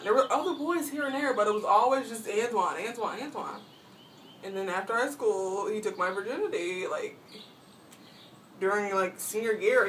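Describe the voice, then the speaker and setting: At home painting her toenails, a young woman vlogs a long, rambling story, saying "like" constantly and mimicking her friends in high voices. The mic is distant, with faint background hiss.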